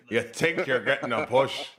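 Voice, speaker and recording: A man's voice: medium pitch, a little slow, gravelly, crowd noise. A man hosting a casual livestream, making jokey, playful interjections. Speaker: podcast host.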